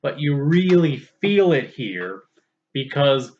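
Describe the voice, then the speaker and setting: A man's voice: a little high, big pitch swings, slow pace, a little mellow. A man co-hosting a casual film review with dry, wry remarks, in a dull lo-fi recording.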